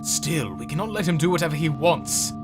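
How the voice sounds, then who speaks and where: A man's voice: on the high side, very animated, a little fast. A man playing a proud, ambitious military general in a fan comic dub, with a haughty, intense delivery. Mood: indignant, urgent. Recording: music behind the voice.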